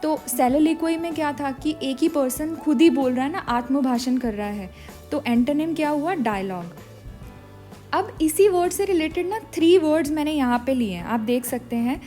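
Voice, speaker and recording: A woman gives a vocabulary lesson in a high, bright voice. She spells words out slowly, letter by letter. She asks her own questions and answers them, with faint music behind her. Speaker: teacher.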